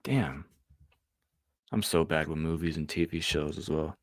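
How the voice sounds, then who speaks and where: A man's voice: very deep voice, a little slow, gravelly, no room sound. A young man hosting a podcast, chatting casually with his live viewers and answering the chat. He drifts between questions and trails off into mumbled asides. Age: young adult. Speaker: podcast host.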